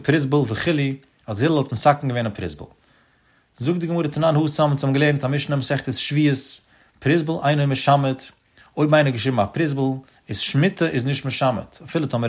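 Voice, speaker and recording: A man leads a Talmud study lesson, rattling through the text at a brisk clip. His voice sits at an ordinary middle pitch but swings up and down in a sing-song study cadence. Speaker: religious teacher.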